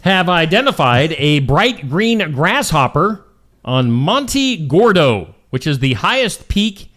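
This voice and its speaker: A man's voice: fairly high pitch, big pitch swings, takes it slowly, fairly bright tone. A man hosting a morning show, reading out weird news stories in a jokey, casual way. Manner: jokey, reads stories aloud and laughs at them.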